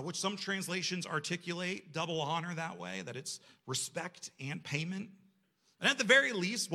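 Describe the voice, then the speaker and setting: Preaching with a high-sitting, sharp voice, this church staff member keeps things conversational and pokes fun at himself. He frequently poses rhetorical questions to the congregation.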